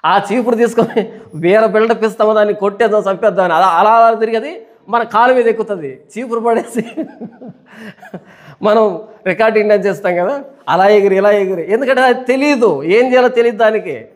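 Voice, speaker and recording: A man's voice: sits high, a little fast. A male pastor giving a Bible study sermon, telling stories and asking rhetorical questions. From India. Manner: animated storytelling with rhetorical questions.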